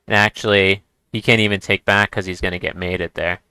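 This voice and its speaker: Bright, crisp-voiced man thinking aloud over chess. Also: deep voice, brisk, dry recording. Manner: thinks aloud, restarts sentences, occasional excited outbursts. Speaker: chess streamer. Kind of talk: casual chess commentary.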